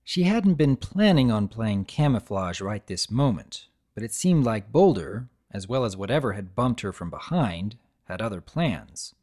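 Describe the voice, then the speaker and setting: A man reading a story aloud as scripted dramatic narration, in a measured, expressive storytelling manner. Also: on the low side.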